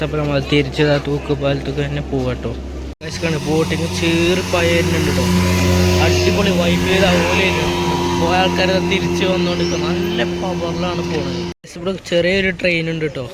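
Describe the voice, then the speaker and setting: A vlogger, casually narrating an outing to viewers and mixing English words into the talk. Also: medium pitch. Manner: mixes English words into Malayalam. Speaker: vlogger hosting a travel vlog. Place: outdoors at tourist spots and park. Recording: noisy outdoor recording with crowd and traffic sounds.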